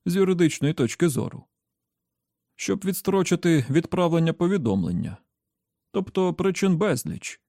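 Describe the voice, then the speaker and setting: A shrewd older man laying out his reasoning in a measured, deliberate way, read by a male audiobook narrator. The voice is slightly high but mellow, with a gravelly fry. The recording is dry and close. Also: sing-song, no room sound. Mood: explaining. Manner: measured, explaining step by step. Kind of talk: audiobook character voice.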